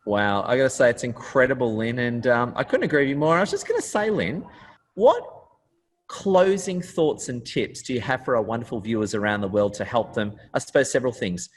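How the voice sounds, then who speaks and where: A man's voice: mid-range voice, lively intonation, fairly quick, long reverb tail, a little hiss or hum, poor audio. A man hosting an interview podcast, chatty and enthusiastic, joking with his guest. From Australia. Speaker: podcast host.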